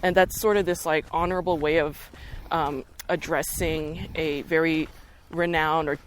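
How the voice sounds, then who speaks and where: A woman's voice: low voice, moderate pace, a little hiss or hum. A woman chatting as a podcast guest while out on a hike, telling stories with lots of energy and frequent swearing. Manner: animated storyteller, swears freely. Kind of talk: casual chat on a hike. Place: outdoors on a hiking trail.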